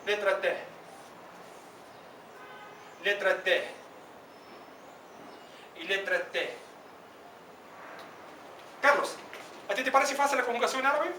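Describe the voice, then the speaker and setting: A male teacher with a high, bright voice leads an Arabic class, drilling pronunciation and calling on students. He is picked up from a distance in an echoey classroom with faint background noise. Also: animated. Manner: asks students questions by name, drills pronunciation slowly. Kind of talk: classroom lesson.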